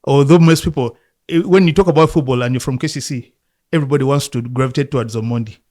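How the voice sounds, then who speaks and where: A man from Uganda in his fifties, a football coach, telling his life story in a relaxed interview, reflective and often laughing. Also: mid-range voice, quick pace. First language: Luganda.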